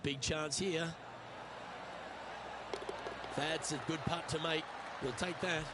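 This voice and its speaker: An actor playing a calm, upbeat male golf commentator who makes brief, measured play-by-play calls between shots. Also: on the high side. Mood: steady. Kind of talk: video game play-by-play commentary. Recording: loud crowd and ambient noise. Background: loud crowd and course ambience.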